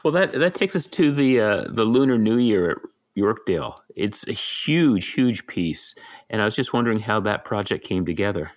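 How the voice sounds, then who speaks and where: A man's voice: lowish voice, lively intonation, moderate pace. A man hosting a podcast interview, asking long, careful questions. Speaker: podcast host.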